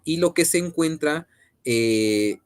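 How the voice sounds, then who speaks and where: A man's voice: a little high, lively intonation, slow pace, clear, resonant tone. A man with a Mexican accent teaching an online class, conversational and full of fillers and question tags.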